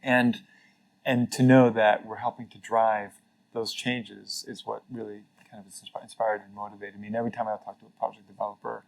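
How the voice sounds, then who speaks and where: This former carbon registry CEO, a middle-aged man from Mexico, talks earnestly and reflectively as a guest in a relaxed interview, often restarting and using fillers. He speaks fairly quickly in a lowish, creaky voice with a level tone. The audio quality is poor.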